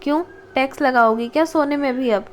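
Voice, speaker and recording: A woman's voice: high-pitched, brisk, lightly acted. Woman reading as a sarcastic young husband. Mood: mocking. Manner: sarcastic, bickering, teasing. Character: stubborn young husband and father, man. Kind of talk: audiobook character reading.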